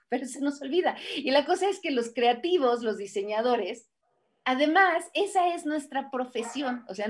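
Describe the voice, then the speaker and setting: A woman with a fairly high voice gives a motivational talk at a conference. She speaks in an animated way, throws out rhetorical questions, and acts out the excuses people make. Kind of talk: motivational lecture.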